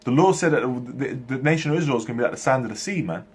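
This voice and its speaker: A man preaches at length, his voice a little rough and breathy at a middle pitch. He restarts his sentences often and closes almost every phrase with a "man" or an "okay". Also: lively intonation. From Turkey, raised in England. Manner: halting, frequent restarts. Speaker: religious speaker. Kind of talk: preaching monologue to camera.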